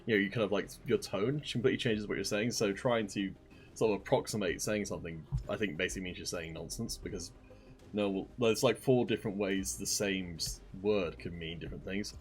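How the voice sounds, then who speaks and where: A man's voice: low voice, fairly quick, faint music behind. Upbeat male esports caster. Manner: upbeat, addresses viewers directly. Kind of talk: live stream casting chat.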